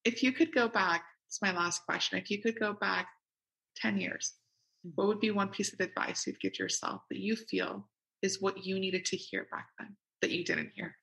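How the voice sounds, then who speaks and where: A woman's voice: medium pitch, fairly even intonation, normal speed, gravelly, fairly bright tone, rough recording. A woman hosting a coaching podcast, enthusiastic and affirming as she chats with her guest. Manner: enthusiastic, affirming, laughs often. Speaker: podcast host. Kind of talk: casual interview chat.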